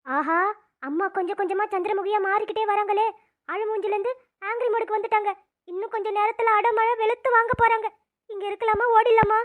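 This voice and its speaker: A woman's voice: extremely high pitch, fairly even intonation, fast. A woman voicing a sly younger sister in a cartoon, muttering playful asides. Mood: cheeky. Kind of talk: cartoon voice acting.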